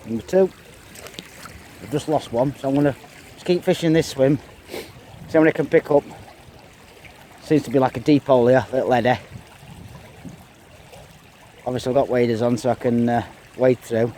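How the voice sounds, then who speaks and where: A man's voice: mid-range voice, steady tone, normal speed, pauses often, warm tone. A man with an English accent giving casual running commentary while fishing outdoors, counting each catch aloud as he wades in a river. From England. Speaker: angler vlogger. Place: outdoors on a windy riverbank, wading. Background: flowing water and wind.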